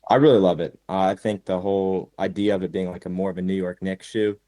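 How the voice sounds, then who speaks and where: A man's voice: low voice, steady tone, quick pace, dark tone, no room sound. A man speaking as a guest in a casual podcast chat, easygoing and hesitant with fillers like "uh" and "like".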